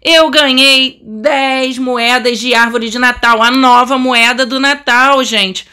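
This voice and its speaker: A young Brazilian woman with a Brazilian Portuguese accent commentating a game update, so excited she says she is trembling, gushing and exclaiming constantly. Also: sits high, slow pace, clear, resonant tone. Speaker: game channel host.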